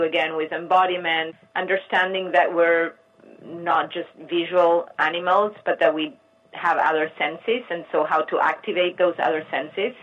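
A middle-aged artist from Argentina, giving thoughtful interview answers and searching for words with frequent restarts. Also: female voice, on the low side. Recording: muffled lo-fi line.

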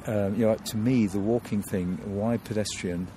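A man's voice: fairly low pitch, fairly even intonation, moderate pace, warm tone, a little hiss or hum. A man from London, a guest in an interview, talking thoughtfully with many restarts and fillers.

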